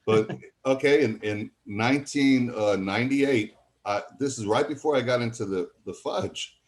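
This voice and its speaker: An older man from College Point, New York, appears as a guest musician in a casual interview, telling rambling anecdotes and acting out what other people said. He speaks at medium pitch and normal speed.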